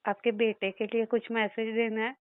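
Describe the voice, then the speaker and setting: A woman's voice: fairly high pitch, level tone, normal speed, no echo, phone-quality sound. A woman giving a psychic reading, relaying messages, chatty and playful and laughing often. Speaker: psychic reader.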